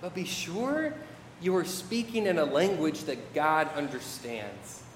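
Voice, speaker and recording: A man's voice: fairly high pitch, animated, measured pace, a little hiss or hum. A man preaching a sermon, reading scripture and adding wry, modern asides. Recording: echoey hall with long reverb, faint ambience.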